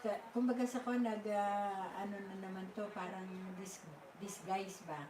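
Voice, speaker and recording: An older woman hosting a live stream, telling a story casually and haltingly, with many fillers and restarts. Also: mid-range voice, fairly even intonation, background noise. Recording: echoey room, mic at a distance.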